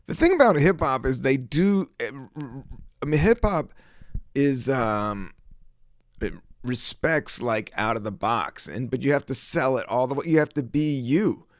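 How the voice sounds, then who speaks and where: This podcast host from the American South chats alone in a rambling, laid-back style, full of fillers, with laughter and sung snippets. His mid-range voice has lively intonation and an unhurried pace, captured in a dry recording.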